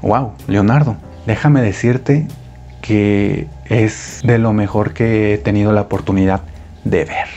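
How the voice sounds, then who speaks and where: A man voicing a gentle adult male priest who talks softly and coaxingly. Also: fairly low pitch, steady tone, slow, dull audio, soft background music.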